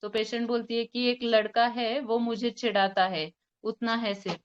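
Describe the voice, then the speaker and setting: Young woman doctor, smooth and fairly high voice, slightly muffled lo-fi audio, retelling a consultation for colleagues. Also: steady tone, moderate pace. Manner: retells a patient consultation, quoting both sides, with hesitant fillers. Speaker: homeopathic doctor. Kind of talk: case presentation to a forum.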